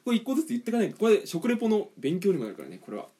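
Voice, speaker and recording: A man's voice: high-pitched, racing. A man from eastern Japan co-hosting a casual chat show, telling a story with lots of energy and acting out other people. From Kanto region of Japan. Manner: animated ranting storyteller, acts out customers. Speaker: podcast co-host.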